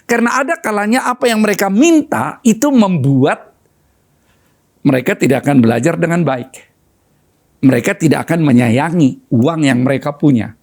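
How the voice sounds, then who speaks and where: A middle-aged male pastor preaching a sermon, telling a personal story with animated, swinging delivery. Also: a little high, moderate pace.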